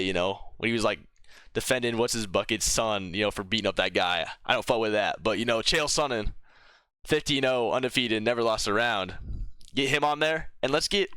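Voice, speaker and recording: A man's voice: medium pitch, sharp tone, clean tone, no echo, clean studio sound. A young man giving a casual, opinionated fight reaction commentary, rambling with fillers and restarts. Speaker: MMA commentary vlogger.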